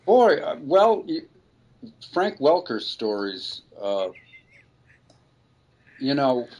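An older man, a voice actor, telling a rambling, relaxed story in an interview. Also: mid-range voice. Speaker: voice actor guest. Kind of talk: anecdotal storytelling.

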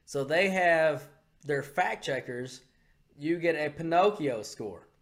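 A man with a somewhat high voice co-hosts a podcast in loose, profane banter. He talks in an animated way, telling stories and dropping into quick voices for the people in them. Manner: crude, animated retelling with put-on character voices. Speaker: podcast co-host. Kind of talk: casual chat.

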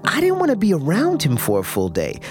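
A man narrating a personal story in the first person, reflective and expressive with dramatic pauses. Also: a little high. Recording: music bed under the voice.

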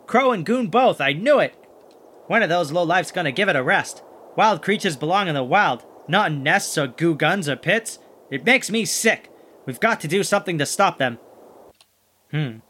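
Bir adamın oynadığı parlak, tizce sesli, cesur canavar avcısı, hafif gürültüde. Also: male voice, fairly high pitch, a little hiss or hum. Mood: determined, then indignant. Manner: folksy exclamations, animated chatter to sidekick. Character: plucky, kindhearted, wisecracking monster hunter adventurer. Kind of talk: children's audio adventure acting and narration.

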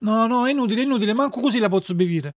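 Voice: mid-range voice, lively intonation, very fast, dry recording, studio quality, pitched above the performer's own voice, lightly acted. A reader voicing a stubborn, whining wooden puppet boy in a dialect, from sulky protests to wailing pleas. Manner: wailing, pleading, petulant.

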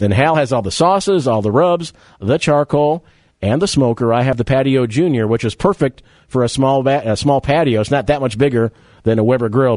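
A man's voice: mid-range voice, a little mellow, no room sound. A man hosting sports talk radio, chatting through a monologue and an ad read with wry asides. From Rochester, New York area. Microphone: studio mic.

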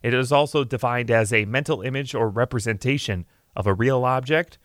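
A man's voice: medium pitch, a little fast, no echo, clean studio sound. A man hosting a morning radio show with cheerful, upbeat patter. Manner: cheerful, lively delivery. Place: radio studio.

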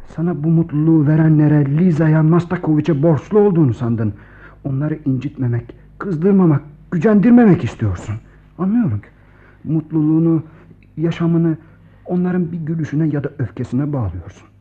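A steady friend scolds firmly, then drops to a hush to soothe, played by a man. His voice runs high for a man. The old radio recording is dull and muffled. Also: lightly acted. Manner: firm, then hushed and soothing. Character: steady male friend, scolding yet caring. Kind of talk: radio play acting.

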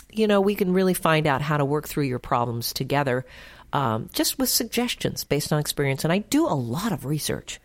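A woman hosting a call-in advice radio show, chatty and reassuring, full of fillers. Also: low voice.

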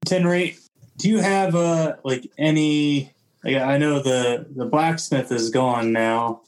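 A man playing a tabletop game who talks slowly. He pauses often and fills gaps with "uh" and "like" as he asks questions. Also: medium pitch, rough recording. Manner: halting, filler-heavy questions. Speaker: player.

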